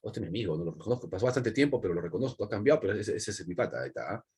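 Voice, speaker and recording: A man's voice: on the low side, animated, very fast, mellow, husky. A man with a Peruvian Spanish accent, giving an online psychology lecture, repeating points and checking in with "¿no?" and "¿ya?". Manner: repetitive, asks for checks with "¿no?" and "¿ya?". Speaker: psychology teacher.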